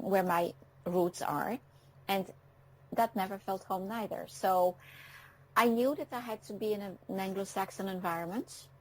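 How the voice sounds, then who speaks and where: On an internet radio show, a guest in her fifties from France, whose native languages are French and Dutch, speaks in a medium-pitched voice. She sounds reflective and frequently stops for an "um." The recording is rough.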